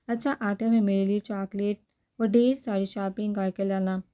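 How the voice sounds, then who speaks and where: A woman's voice: mid-range voice, steady tone, warm tone, close to an everyday voice. A woman voicing a cheeky, stubborn young bride in a storybook reading. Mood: sassy.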